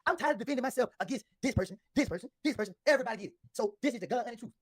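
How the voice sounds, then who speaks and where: Man, husky, rapid-fire interview storyteller, defensive and insistent, dry close recording. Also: very high voice, lively intonation, no room sound.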